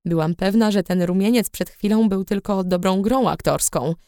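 A woman reading a novel aloud in the first person with steady storytelling. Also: mid-range voice, moderate pace, no echo, studio quality. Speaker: audiobook narrator. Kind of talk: first-person audiobook narration.

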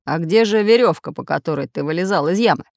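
A woman's voice: lowish voice, expressive, quick pace, vocal fry, darkish tone, no room sound, clean studio sound. A woman reading a storybook aloud and voicing an angry, red-bearded pirate captain who snarls and scolds. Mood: grumbling. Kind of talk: audiobook character voice.

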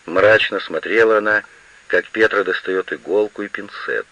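A man with a fairly low, bright and husky voice reads a novel aloud. His delivery is expressive, with very wide, animated pitch movement. The recording is muffled and lo-fi, like an old radio broadcast. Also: moderate pace. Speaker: narrator. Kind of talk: literary audiobook narration.

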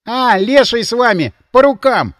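A man putting on a high whiny village lad. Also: normal speed, dry recording, studio quality, lightly acted. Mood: pushy haggling. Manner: whiny, pushy bargaining. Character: cheeky young village lad haggling.

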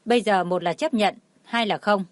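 A woman's voice: mid-range voice, moderate pace, dry recording, lightly acted. A woman reading the lines of a cold, haughty rich older woman in a storybook, curt and dismissive.

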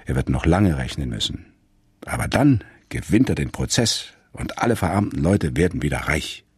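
A man reading a radio story aloud in a calm, measured storytelling manner. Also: very deep voice, slightly rough, dry recording, studio quality. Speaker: narrator.

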